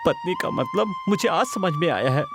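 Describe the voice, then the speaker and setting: A man's voice: high-pitched, lively intonation, moderate pace, music in the background. A man dubbing a hot-tempered husband prone to emotional outbursts, then full of remorse. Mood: remorseful. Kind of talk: Hindi film dub acting. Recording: dubbed film with loud score.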